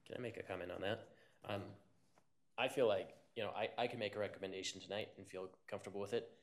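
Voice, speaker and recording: Deep, gravelly man with halting phrasing. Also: steady tone. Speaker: committee member at a public meeting. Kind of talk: informal questions and comments.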